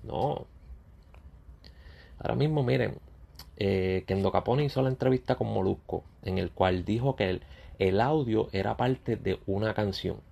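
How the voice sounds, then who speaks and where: A man, a YouTuber talking bluntly and confrontationally straight at his critics in a ranting monologue, with a gravelly, husky voice. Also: fairly low pitch, unhurried, dark tone.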